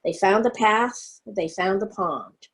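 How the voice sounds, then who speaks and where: A woman reading a literary story aloud in a steady, even manner. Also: mid-range voice, takes it slowly, rough recording. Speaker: reader.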